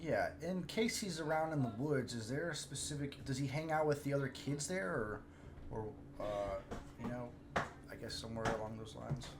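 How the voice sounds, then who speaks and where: A man's voice: mid-range voice, moderate pace, background noise. A man playing a tabletop game, speaking hesitantly with many fillers. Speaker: player. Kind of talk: casual tabletop play.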